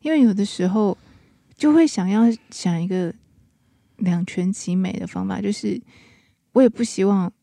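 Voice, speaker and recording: 一位女老师在闲聊中慢慢说出自己的想法和问题。. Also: female voice, mid-range voice, creaky, dark tone, no room sound, clean studio sound. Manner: thoughtful, measured questions. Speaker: teacher, podcast co-host. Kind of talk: casual chat.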